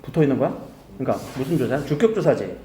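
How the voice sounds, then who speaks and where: Male grammar teacher, casual, keeps quizzing the class, animated pitch, roomy echo. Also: a little hiss or hum. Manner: casual, quizzing students with quick questions. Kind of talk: recorded lecture to high school students. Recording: echoey room.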